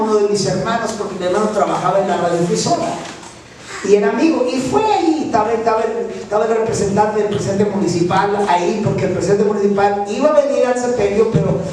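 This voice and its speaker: Male pastor, high voice, preaching from far off the mic in a very echoey church, keeps checking in with the congregation. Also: darkish tone, slight background noise. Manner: keeps asking the congregation "right?". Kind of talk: sermon. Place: church hall.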